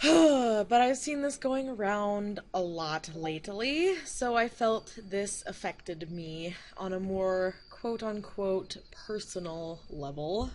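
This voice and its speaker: A young adult woman giving a casual, digressive rant to camera, laughing mid-sentence and swearing now and then. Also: mid-range voice. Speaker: YouTuber.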